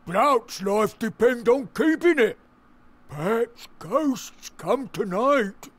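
A man voicing a simple-minded, timid and stubborn ogre in a video game, husky, with slow broken speech. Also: very high-pitched, expressive, no echo, heavily acted. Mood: stubborn, anxious. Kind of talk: video game character acting.

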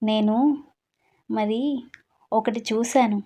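A woman's voice: a little high, monotone, takes it slowly, dark tone. A woman voicing a playful, bossy young husband who teases and scolds his wife in a read-aloud story. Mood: teasing. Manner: teasing, scolding.

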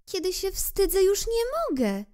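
Bashful little boy prince, high and soft, woman voicing him. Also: big pitch swings, moderate pace. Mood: timid. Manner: timid and bashful.

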